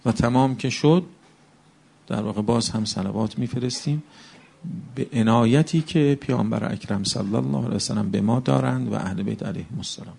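A man's voice: medium pitch, gravelly, a little mellow, slightly rough. A man preaching a religious sermon, speaking with passion and firing off rhetorical questions to the congregation.

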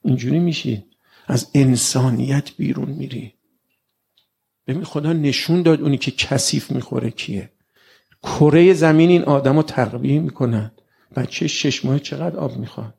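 A man's voice: mid-range voice, vocal fry, a little mellow, breathy edge. A man preaching a religious sermon in a colloquial way, often putting rhetorical questions straight to his listeners. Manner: colloquial and conversational.

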